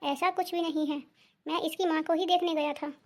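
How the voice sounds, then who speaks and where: A woman voicing a caring young husband in a cartoon, speaking calmly and reassuringly. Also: very high-pitched, brisk. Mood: explaining. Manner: reassuring, calm. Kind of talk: cartoon dubbing.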